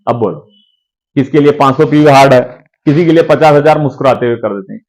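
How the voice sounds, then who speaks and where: A man's voice: fast, poor audio. A man leads a business training session, talking animatedly, calling his listeners sir and acting out little dialogues. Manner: animated, swings pitch, acts out quoted dialogue.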